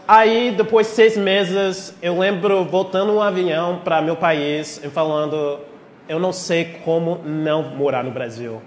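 A male guest preacher with a noticeably high voice and an American English accent in his Portuguese. He speaks to a congregation informally and with feeling. The sound rings with long reverb in a church hall, over faint noise. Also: unhurried. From Texas, United States. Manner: heartfelt, emotional, playful asides. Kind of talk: informal sermon to a congregation, with prayer.

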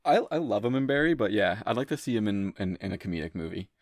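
Easygoing man with a low, dry voice. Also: lively intonation, no room sound. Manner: easygoing, quick to agree, stammers on restarts. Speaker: podcast co-host. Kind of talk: casual chat.

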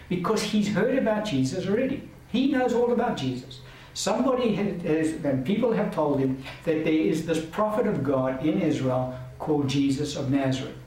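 A man's voice: on the high side, darkish tone. A man giving a Bible teaching lecture in an earnest, emphatic way, driving points home through repetition. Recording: very echoey, distant mic, faint hiss.

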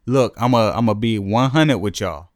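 A man's voice: on the low side, normal speed, no room sound, clean studio sound. A man co-hosting a podcast, talking in a blunt, slangy, joking way in casual crude banter. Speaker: podcast co-host.

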